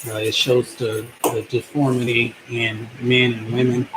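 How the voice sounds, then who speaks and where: A man in a mid-pitched voice rambling into his own microphone, often pausing on fillers and starting sentences over. A clear wash of background noise sits under the whole recording. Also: level tone. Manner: hesitant, lots of fillers and restarts. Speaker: vlogger. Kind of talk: casual rambling monologue.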